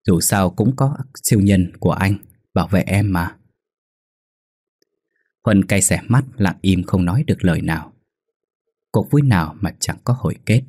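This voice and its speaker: A man narrating a sad story in a somber, measured manner. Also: low voice, darkish tone, slightly rough, no echo, studio quality.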